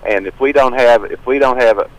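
A man's voice: mid-range voice, fairly quick, dry recording, rough recording. A man speaking casually and earnestly as a caller on a radio phone-in, repeating himself as he goes. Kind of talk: casual talk.

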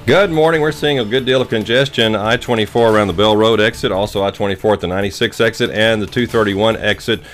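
A man's voice: fairly low pitch, fast talker, hardly any pauses, a bit bright, soft background music. A man giving a live radio traffic report and reading a short sponsor message.

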